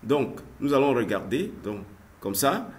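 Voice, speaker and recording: Slow, hesitant male language teacher. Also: medium pitch, sing-song. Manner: hesitant, with frequent "euh" fillers and repeated words. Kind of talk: recorded language lesson.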